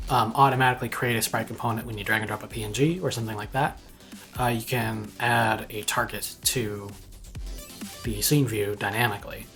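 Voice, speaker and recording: A man walking through his game engine code live, thinking aloud in a halting way with frequent ums and restarts. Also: mid-range voice, a bit bright. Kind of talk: live coding walkthrough.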